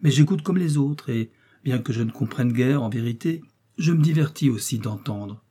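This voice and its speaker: A naive, chattering young innkeeper's daughter, as a man reads her in an audiobook, artless and soft-hearted. The voice is dark and husky, unhurried. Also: medium pitch, close to an everyday voice. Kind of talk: audiobook reading.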